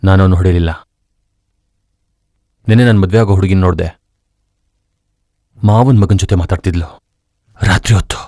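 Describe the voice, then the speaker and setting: A man's voice: low voice, a little fast, pauses often, mellow, no room sound, clean studio sound. An actor playing a stern, hot-tempered young village man who speaks firmly and with menace. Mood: threatening. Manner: firm, threatening. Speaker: hero engaged to his cousin. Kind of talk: Kannada film dub.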